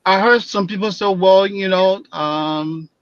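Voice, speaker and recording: A man's voice: sits high, unhurried, dry recording. Impassioned Liberian man on a muffled line. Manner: impassioned, grows loud and emphatic. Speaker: panel guest. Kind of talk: radio panel commentary.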